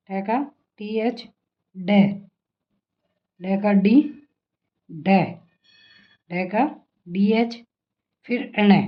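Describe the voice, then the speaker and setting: Woman teacher, slow and patient, quizzing a class; muffled lo-fi recording. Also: medium pitch. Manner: slow, repeats and asks the class questions. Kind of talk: classroom lesson teaching script spelling. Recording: dull lo-fi sound.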